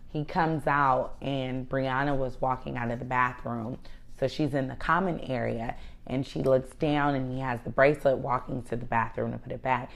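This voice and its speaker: A woman in her thirties co-hosts a casual podcast chat. Her voice sits low, and she tells personal stories in a candid, emphatic way, swearing often. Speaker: podcast co-host.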